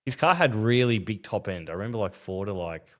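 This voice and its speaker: A man's voice: on the low side, lively intonation, fairly quick. A man with an Australian accent in casual, laid-back and colloquial conversation. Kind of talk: casual car chat.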